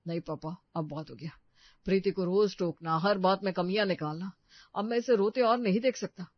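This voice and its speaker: A woman's voice: medium pitch, a little fast, no room sound, close to an everyday voice. A woman voicing a stern young husband. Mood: indignant. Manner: firm and reproachful toward his mother. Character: young married son, protective of his wife. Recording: dull, slightly lo-fi dry recording.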